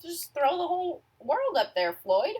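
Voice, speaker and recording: Reading a picture book to kids, a woman uses a high voice and keeps a measured pace. She brings the story to life expressively, asking the children questions along the way and sometimes lowering to a hush for suspense.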